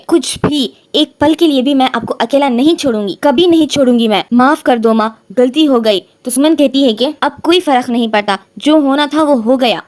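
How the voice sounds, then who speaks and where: A woman's voice: high-pitched, darkish tone. A woman narrating a recap of a TV serial episode, recounting each character's lines in turn and lightly acting the quoted lines.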